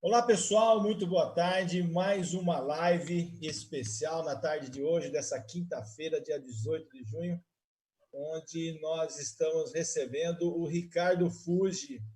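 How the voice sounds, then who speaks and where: A man's voice: a little high, slow pace, darkish tone. A man who hosts a live online interview and talks in long friendly runs with restarts. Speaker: host. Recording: live video stream.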